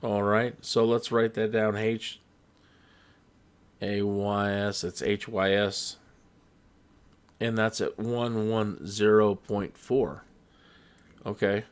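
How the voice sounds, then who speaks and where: A man's voice: lowish voice, little pitch movement, takes it slowly, pauses often, clear, resonant tone. A man hosting a flight simulator tutorial, talking in a casual, rambling, jokey and folksy way.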